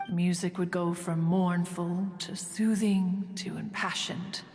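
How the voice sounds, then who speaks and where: A woman's voice: on the low side, little pitch movement, a little slow, a little mellow, big-room sound, slight background noise, lightly acted. A woman playing a proud, ancient, aloof immortal who tells stories in formal, archaic, stately speech in a video game. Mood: wistful, solemn. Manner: formal, stately, archaic storytelling, refers to self as "one". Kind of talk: scripted video game dialogue.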